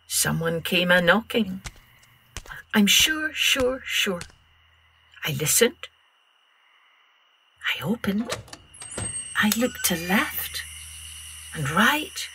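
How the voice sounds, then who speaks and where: This children's podcast host is an older woman from Scotland whose mid-range voice shares expressive stories and poems. She performs slowly and dramatically, stretching out words and dropping to a hush at times, over a little hiss or hum.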